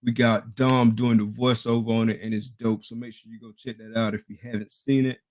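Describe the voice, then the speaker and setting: A man's voice: medium pitch, little pitch movement, fairly quick. A man hosting a live interview stream, greeting viewers by name in slangy, hyped talk before bringing in his guest. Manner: hyped, slangy, shouting out chat names. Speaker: podcast host.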